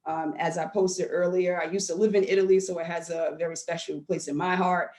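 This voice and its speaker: A woman hosting a virtual wine tasting, chatting in a relaxed way with fillers over a video call. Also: lowish voice, fairly quick. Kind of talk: casual video call chat. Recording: echoey room on a video call.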